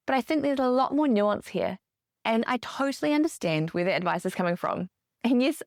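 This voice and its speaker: A woman in her thirties hosting a podcast, giving an upbeat scripted monologue that explains each point with lively emphasis. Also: a little high, no room sound, clean studio sound. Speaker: podcast host.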